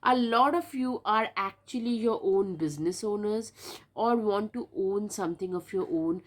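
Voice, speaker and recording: A woman's voice: mid-range voice, moderate pace. A woman with a stuffy nose from a cold, chatting casually to camera as she gives a tarot reading, with lots of fillers and repeated words. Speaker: tarot reader.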